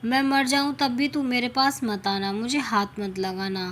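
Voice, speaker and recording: A woman's voice: a little high, level tone, a little slow, fairly bright tone, a little hiss or hum. A woman voicing an angry, stubborn elderly mother-in-law who speaks harshly. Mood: scolding. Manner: harsh, scolding.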